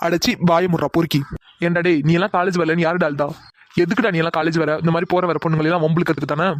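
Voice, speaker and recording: A man's voice: on the high side, level tone, very fast, natural voice. A man voicing a stern, protective male college senior in a cartoon drama, angrily scolding a bully. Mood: furious. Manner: angry scolding, commanding.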